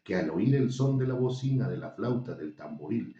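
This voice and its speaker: Ancient royal herald read by a man, proclaiming; deep, mellow, echoey room. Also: animated, normal speed, lightly acted. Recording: dull, roomy, distant recording.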